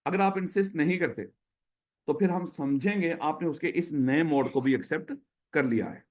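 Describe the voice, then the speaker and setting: A man with a Pakistani Urdu accent gives a classroom law lecture in a voice pitched slightly high. He keeps quizzing his students and restating the rule, calling them his children. He slips English legal terms into his explanations. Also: normal speed. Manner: repeats key points, quizzes students with questions. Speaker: accountancy lecturer.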